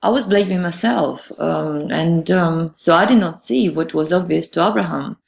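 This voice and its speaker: A woman's voice: on the low side, normal speed, gravelly. A woman, answering interview questions hesitantly and searching for words. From Russia.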